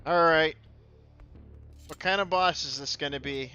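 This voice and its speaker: Bright-voiced, cursing game streamer man. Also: on the high side, a little slow, clean tone, muffled recording, soft background music. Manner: profane, complaining, sardonic. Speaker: streamer playing a shooter game. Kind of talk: casual gameplay commentary.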